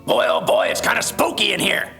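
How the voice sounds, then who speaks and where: An actor playing a cowardly, easily spooked male troll in a cartoon, whining and shouting in fright. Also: high-pitched, wildly swooping pitch, fairly quick, vocal fry, exaggerated voice. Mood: scared. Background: cartoon music.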